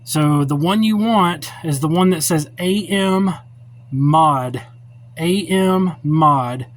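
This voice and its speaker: With a fairly high pitch, a middle-aged man takes it slowly through a casual, unscripted radio-hobby tutorial. He comes across opinionated, blunt and plainspoken, recorded noisily on a cell phone held or set up while filming.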